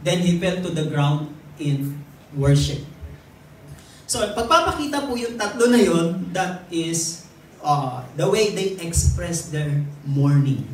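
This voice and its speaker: A man's voice: sits high, slight background noise. A man with a Filipino accent preaching a sermon, teaching in a mix of Tagalog and English with light jokes along the way. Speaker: lay preacher. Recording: echoey room, distant mic.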